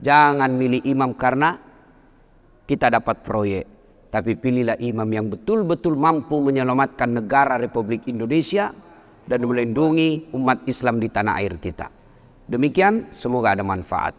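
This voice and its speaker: Indonesian preacher telling comic stories. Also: male voice, lively intonation, moderate pace, in a large hall. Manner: storytelling, rising high and loud in punchlines. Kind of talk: humorous sermon with anecdotes.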